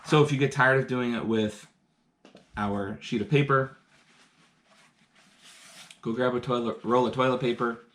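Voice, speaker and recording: Speaking in a medium-pitched, slightly bright voice with fairly even intonation, this man is unhurried and pauses often. There is slight background noise as he teaches a live-streamed science lesson from home, eagerly chatting through hands-on experiments step by step.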